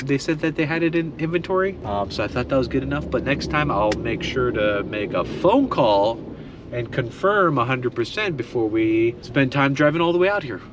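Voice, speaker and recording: A family vlogger with a mid-range, animated voice chats casually with his viewers at normal speed, calling them "guys." The recording has background noise and missing high frequencies.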